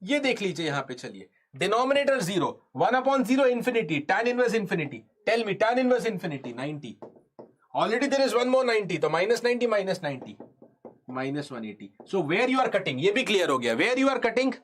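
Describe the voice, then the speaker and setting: A man's voice: high voice, sing-song, very fast, a little hiss or hum. A man with a North Indian accent lecturing in a live online class, repeating key phrases, putting questions to students and slipping Hindi into his English. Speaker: engineering exam lecturer. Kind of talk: live online lesson, explaining step by step.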